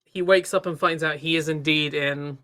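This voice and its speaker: A playful woman co-host recapping a TV episode in casual, joking chat, now and then slipping into mock voices. Her tone is bright and sharp-edged, and her delivery is loose and conversational. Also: deep voice, fairly even intonation, moderate pace. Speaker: podcast co-host.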